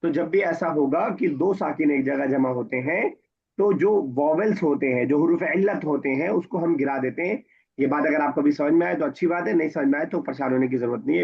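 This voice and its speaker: A man's voice: fairly high pitch, gravelly, husky. A man teaching an Arabic grammar class, patiently explaining and quizzing his students. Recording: dull lo-fi recording.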